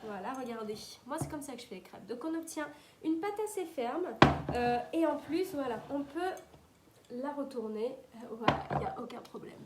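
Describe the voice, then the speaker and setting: A woman's voice: high voice, animated, moderate pace, heavy background noise. A woman hosting a live cooking stream, chatty and upbeat, greeting viewers and reading their comments as she works. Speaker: cooking host. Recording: echoey kitchen with clattering utensils.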